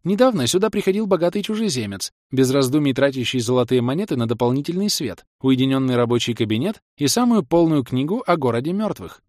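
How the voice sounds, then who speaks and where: A man's voice: mid-range voice, animated, darkish tone, dry recording, clean studio sound, lightly acted. A man voicing a stern, dignified grey-haired female gnome librarian who speaks formally and loftily. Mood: formal, conspiratorial. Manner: formal, measured, lofty speech.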